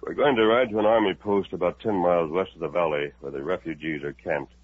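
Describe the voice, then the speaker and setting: An actor playing the Lone Ranger, a calm, resolute masked hero, speaking in a steady, persuasive way in a 1950s radio drama. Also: male voice, deep voice, fast, slightly rough. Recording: tinny narrow old radio recording.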